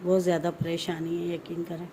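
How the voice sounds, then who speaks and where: A middle-aged woman from Pakistan with a Pakistani Urdu accent, chatting casually in a family vlog at home and telling a story in an animated way, with lots of repetition for emphasis. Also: on the low side, a little fast, a little hiss or hum. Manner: frightened and fretful at first. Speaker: vlogger. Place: home, moving between rooms and a balcony.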